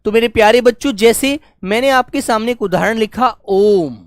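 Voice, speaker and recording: A man's voice: sits high, moderate pace, no room sound, clean studio sound. A man teaching an online class who keeps addressing his pupils as dear children and checks in with "okay" again and again. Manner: acts out loud calls to demonstrate.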